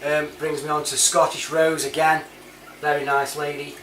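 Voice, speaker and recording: This is a British man with a slightly high, slightly bright voice and a flat delivery at normal speed. He's an online reviewer and CB chat app user, rambling casually in a friendly, matey style laced with slang, recorded in a roomy space on a distant mic with clear background noise.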